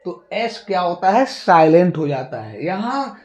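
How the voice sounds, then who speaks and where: A woman's voice: fairly low pitch, very animated, a little slow, darkish tone. A woman teaching English pronunciation rules who repeats each rule and poses questions she then answers herself. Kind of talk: classroom-style pronunciation lesson. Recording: echoey room.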